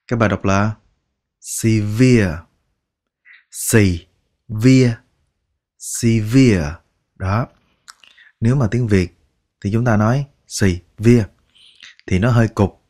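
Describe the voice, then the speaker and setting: Slow, patient male English teacher. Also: fairly low pitch. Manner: repeats each word slowly, drawing out sounds; patient, coaxing, ends phrases with soft particles. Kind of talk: slow pronunciation lesson.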